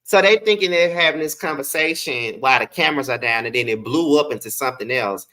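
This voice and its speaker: A man's voice: medium pitch, quick pace, pushed and bright. A man with a lisp and slushy s sounds, giving sassy, slangy, chatty live commentary as a review host. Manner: sassy, slangy, emphatic with swearing.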